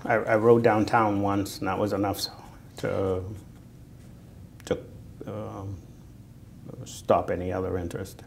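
Seated on camera indoors, a man in his sixties from Natick, Massachusetts, talks haltingly about his army days in an oral history interview as a Vietnam War veteran. He has a Boston accent, a fairly low pitch, flat delivery and vocal fry. A lapel mic captures him over noticeable background noise.

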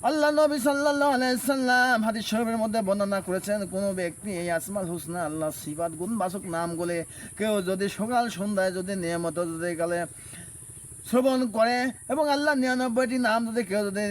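A man giving a religious recitation and short address, listing names in a steady, measured cadence and chanting Arabic names slowly. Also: high-pitched, a little hiss or hum. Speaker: religious speaker.

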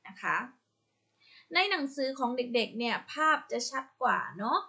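A woman with a Thai accent teaching English to young children in a slow, patient online lesson, repeating each word for them to copy and praising them. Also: a little high, lively intonation, gravelly, bright, forceful tone. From Thailand. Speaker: primary school English teacher.

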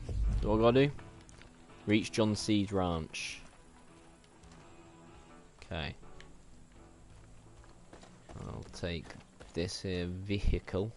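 A man giving casual, joking commentary while playing a video game, with excitable, shouty reactions. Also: sits low, slow pace, pauses often, faint music behind. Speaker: game streamer.

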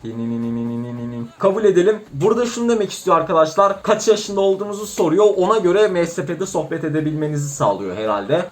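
A young man with a high voice talks through a game as a YouTuber, chatty and playful. He jokes straight to his viewers as friends and stumbles over foreign words he reads aloud. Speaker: gaming YouTuber. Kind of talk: let's play commentary.

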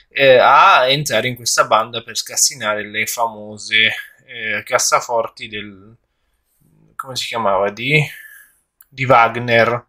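A man's voice: mid-range voice, bright, forceful tone. A man giving a casual, rambling film review, with frequent hesitations and restarts.

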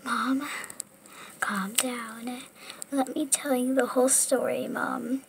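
A woman voicing a heartbroken teenage daughter who talks in a whiny, halting way, often half-whispered, in a homemade toy figure film. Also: high voice, creaky, exaggerated voice. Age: teen. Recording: home recording with steady background noise.

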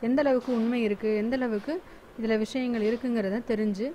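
Female teacher, fairly high voice, talkative and repetitive, faint noise under the recording. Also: steady tone, brisk, dark tone, poor audio. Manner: chatty and repetitive, restarts words often. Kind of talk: explaining a school lesson.

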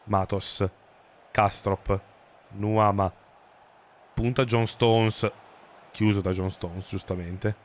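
A man's voice: fairly low pitch, fairly even intonation, slow, pauses often. A man, doing live football video game commentary in an emphatic, exclaiming way. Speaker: game streamer. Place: indoor streaming room. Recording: clear background game noise. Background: football game stadium ambience.

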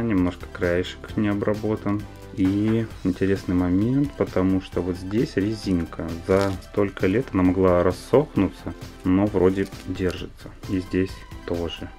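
Low-voiced man doing casual unboxing commentary. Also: a little mellow. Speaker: doll reviewer, unboxing host.

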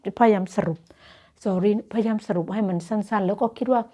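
A woman's voice: mid-range voice, fairly even intonation, brisk, warm tone. A Thai woman teaching Dutch grammar in a casual online lesson, explaining patiently and encouraging her students. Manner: encouraging and motivational.

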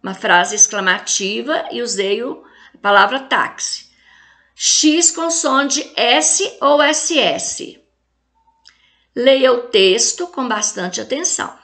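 A Brazilian woman teaching a recorded lesson for children, with a high voice that sits well above most women's. She takes her time, speaking slowly and patiently, and her tone is bright and a little sharp. She keeps checking in with the class to encourage them. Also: expressive. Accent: Brazilian Portuguese. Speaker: primary school teacher.

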